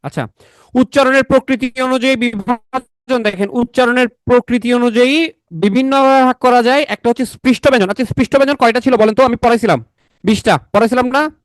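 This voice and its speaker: A man's voice: very high voice, a little fast, no room sound. A man teaching a grammar class in a casual, chatty tone, repeating key points and quizzing his students. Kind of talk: online exam-prep lecture.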